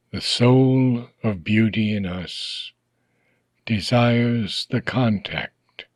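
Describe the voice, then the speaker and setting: A man with a mid-range voice reads a philosophical text aloud, moving through slow, deliberate phrases. His lines often trail off softly at the end, and there is no room sound.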